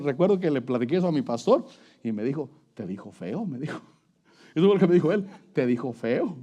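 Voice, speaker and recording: Man preaching, middle-aged, high voice, lively swinging intonation, emphatic storytelling. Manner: emphatic, storytelling, addresses listeners as brother. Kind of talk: sermon.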